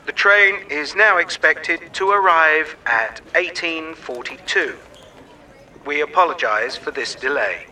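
A man reading station announcements in a slow, formal way. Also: on the high side, animated, pushed and bright, far from the mic, low-quality recording. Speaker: station announcer in a listening exercise.

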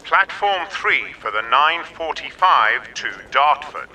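A man reading a station announcement, listing stops slowly and evenly. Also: on the high side, recorded from a distance, rough recording. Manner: slow, even listing of stops. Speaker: station announcer in a listening exercise.

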